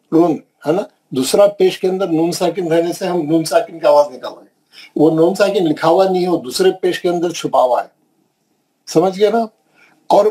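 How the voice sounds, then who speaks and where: A man teaching Quran recitation in an online class, drilling syllables slowly and checking in with his students. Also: a little high, mellow, slightly rough, poor audio.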